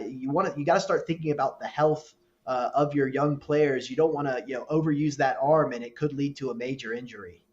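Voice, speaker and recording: A man doing live baseball commentary, explaining plays in a measured way with frequent fillers. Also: on the high side, highs cut off.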